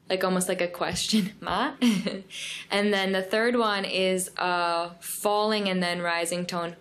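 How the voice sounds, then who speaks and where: Woman, low-voiced podcast guest. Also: a bit bright. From United States. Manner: friendly explainer, laughs easily. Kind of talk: casual podcast interview.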